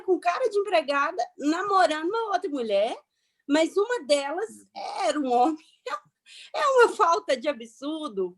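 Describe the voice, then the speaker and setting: Actress doing high pitched snooty matron lady, flustered and indignant, super hammy dramatic reading, keeps repeating herself. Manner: hammy, theatrical, emphatic with rambling repetitions. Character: indignant prejudiced middle-class matron, flustered, self-righteous. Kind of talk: dramatic reading, satirical monologue.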